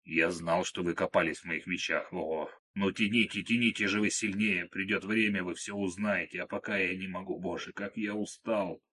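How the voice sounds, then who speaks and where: A man's voice: low-pitched, fairly even intonation, normal speed, few pauses, sharp tone, slightly rough, exaggerated voice. A man voicing a panicky, self-pitying wounded man who cries out shrilly and desperately. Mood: weary grumbling.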